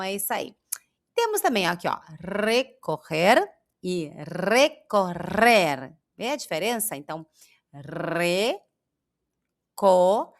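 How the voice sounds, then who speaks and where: A woman with a Brazilian accent teaching pronunciation, drawing out and repeating example words slowly. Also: medium pitch, a bit bright. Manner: slow, drawn-out demonstrations of sounds. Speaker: Spanish teacher. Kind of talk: pronunciation lesson.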